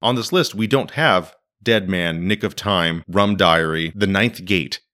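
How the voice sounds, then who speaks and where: Deep-voiced man, casual wry podcast host. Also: measured pace, pushed and bright. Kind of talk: casual conversational commentary. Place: living room used as a home studio.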